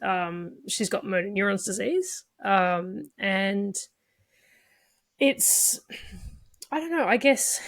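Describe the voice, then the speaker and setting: Gravelly-voiced woman podcast host, empathetic. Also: mid-range voice. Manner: empathetic, chatty, laughs often. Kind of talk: casual conversational interview.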